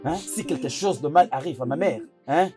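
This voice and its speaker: A man's voice: a little high, animated, normal speed, music in the background, close to an everyday voice. A man voicing a young adult son in a dubbed film, firmly soothing his mother with repeated reassurances.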